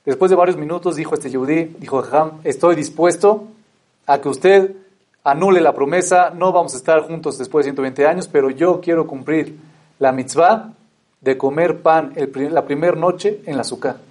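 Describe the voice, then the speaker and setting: A man's voice: a little high, normal speed. A man narrating a religious story, acting out the characters' dialogue with rising emphasis and frequent restarts. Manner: lively retelling, acts out dialogue with rising emphasis.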